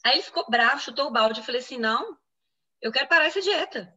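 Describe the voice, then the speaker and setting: Fast-talking bright woman doctor. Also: high voice, slightly rough, muffled recording. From Brazil. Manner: explanatory, quoting others in lively reenactment. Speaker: physician interviewee. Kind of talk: interview answers, personal medical account.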